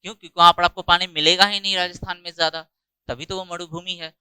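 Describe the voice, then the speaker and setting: A man with an Indian accent teaching an English grammar lesson, explaining step by step and repeating words slowly for emphasis. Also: sits high, flat delivery, sharp tone, clear, resonant tone, no echo, low-quality recording. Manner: explains step by step, voices student doubts himself. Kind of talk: classroom lecture.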